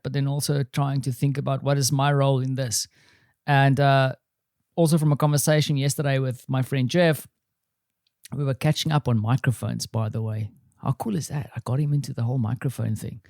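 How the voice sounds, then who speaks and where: A man's voice: medium pitch, darkish tone, dry recording, clean studio sound. A middle-aged man hosting his own podcast, rambling and self-deprecating in a casual solo monologue. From South Africa. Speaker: podcast host. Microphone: studio microphone.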